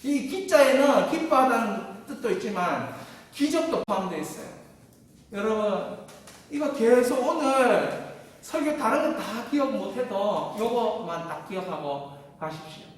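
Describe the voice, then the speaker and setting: A woman pastor delivers an animated sermon, and her pitch swings widely from phrase to phrase. The sound is heavily echoey, with a long hall reverb, and it is picked up from far off in a large church sanctuary. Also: unhurried. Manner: animated preaching with call-and-response.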